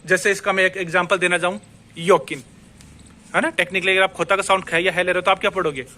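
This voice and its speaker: A man's voice: sits high, level tone, rapid-fire, sharp tone. A man with an Indian accent teaching a casual language lesson, chatty, repeating words and checking in with the viewer. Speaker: Spanish teacher.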